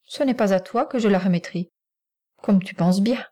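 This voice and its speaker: A woman's voice: medium pitch, moderate pace, mellow, lightly acted. A woman reading the part of a stern but loving mother in an audiobook, speaking in a firm, curt way.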